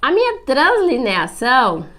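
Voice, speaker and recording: Brazilian woman teacher, animated, high voice, asks and answers her own questions, whiteboard lesson. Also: a little slow. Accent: Brazilian Portuguese. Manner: asks students questions and answers them herself. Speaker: writing teacher.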